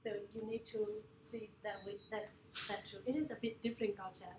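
A woman's voice: mid-range voice, fairly even intonation, a little fast. A woman with a Burmese accent, a native Burmese speaker, giving a casual classroom presentation and laughing often between phrases. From Myanmar. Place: indoor room with an audience. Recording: echoey room, far from the mic, noisy.

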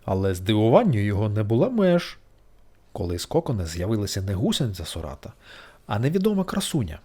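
A storyteller reading a bedtime fairy tale aloud in an expressive, sing-song manner. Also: mid-range voice, fast, breathy edge.

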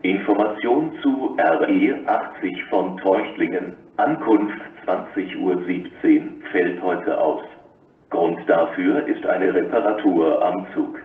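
Male railway announcer, flat formal platform announcement, low-pitched, slow segmented delivery, dull distant loudspeaker. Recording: echoey, distant, dull station loudspeaker with noise.

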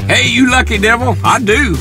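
A man playing a good-natured trucker sidekick who answers a call over a CB radio in loud, easygoing trucker talk. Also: very high-pitched, moderate pace, over music. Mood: cheerful.

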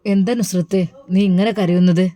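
A woman's voice: on the low side, steady tone, normal speed, mellow, no echo, pitched below the performer's own voice, natural voice. Woman voicing a soothing father, dry close storybook read. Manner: soothing, reasoning. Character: calm devout middle-aged father, gentle.

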